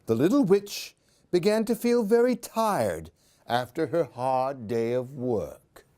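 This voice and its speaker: Warm in tone and mid-range in pitch, a very animated man reads Halloween picture books at a slow pace. He's hosting a children's story time, reading expressively and theatrically while addressing young listeners with questions and asides.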